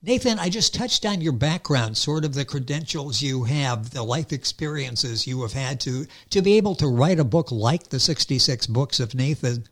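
A man's voice: medium pitch, animated, normal speed, hardly any pauses. An American man hosting an interview in a conversational style, affirming his guest with wordy lead-ins to questions. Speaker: interview host.

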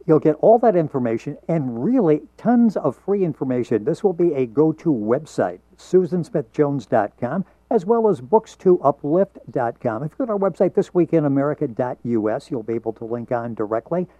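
Man, radio show host, deep mellow tone, dull taped-off-radio sound, dry. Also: lively intonation, normal speed, few pauses, no room sound. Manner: friendly, leading the guest through tips. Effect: heard as taped off the radio. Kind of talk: radio interview.

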